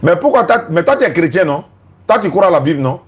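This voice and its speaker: A man's voice: fairly high pitch, sing-song, fast, breathy edge. A man arguing in a heated interfaith debate, repeating mocking taunts at his opponent.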